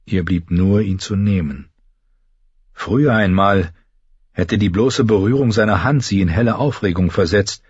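A man reading a novel aloud as audiobook narrator, in a measured storytelling manner. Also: lowish voice, breathy edge, no echo. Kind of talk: scripted narration. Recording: dull, dry lo-fi recording.

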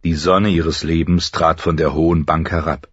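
A man reading a novel aloud in a measured, grave manner. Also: rumbling low, flat delivery, husky, no room sound, highs cut off. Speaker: audiobook narrator. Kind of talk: scripted narration.

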